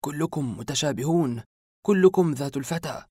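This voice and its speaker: A man voicing a weary, middle-aged father trapped in a recurring nightmare, speaking softly and a little lower than his own voice. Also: normal speed, husky, no echo, clean studio sound. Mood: bewildered.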